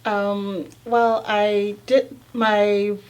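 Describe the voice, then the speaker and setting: Caribbean-woman pediatrician, relaxed. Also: mid-range voice, drawn-out words. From Turks and Caicos. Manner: relaxed, hesitant with frequent ums. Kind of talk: interview answers.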